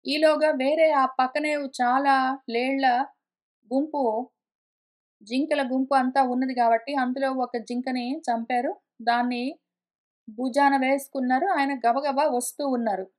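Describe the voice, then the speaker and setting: A high-pitched woman leads a scripture lesson. She chants each verse slowly, line by line, then unpacks it in relaxed, conversational storytelling. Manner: slow chanting of verses, then plain explanation. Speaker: scripture teacher. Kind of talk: explaining Sanskrit verses in Telugu. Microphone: conference call line.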